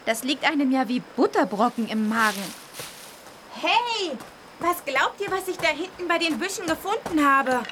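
A woman's voice: high-pitched, lively intonation, moderate pace, fairly bright tone, slight background noise. A woman playing a sensible, caring young female friend in a children's audio drama, motherly and no-nonsense. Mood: dismissive.

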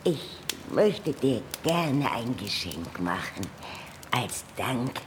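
A woman's voice: very deep voice, big pitch swings, extremely slow, background noise, exaggerated voice. A woman playing a lonely, aggrieved female lake monster in a children's audio drama, with a dramatic, self-pitying manner. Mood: generous.

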